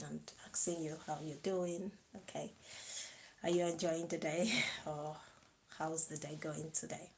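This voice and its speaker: A woman hosting her own live video, chatting slowly to viewers, greeting them and laughing softly. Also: fairly low pitch, slight background noise, poor audio. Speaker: live-stream host. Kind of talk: casual live-stream chat to viewers.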